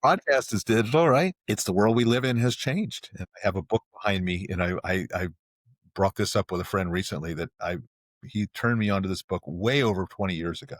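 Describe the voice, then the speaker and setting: Man, middle-aged, podcast guest, rambling, low voice, dry close sound. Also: a little fast, dry recording. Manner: rambling, restarts often, animated when explaining. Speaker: podcast guest, marketing agency president. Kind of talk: casual interview talk.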